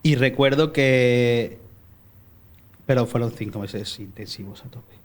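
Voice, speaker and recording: Chatting as a podcast guest, a young man gives a personal testimony of faith, stumbling with hesitations and restarts. His mid-range voice is a little slow. He was born in Mexico, grew up in Spain, and has a Málaga accent with Mexican traces.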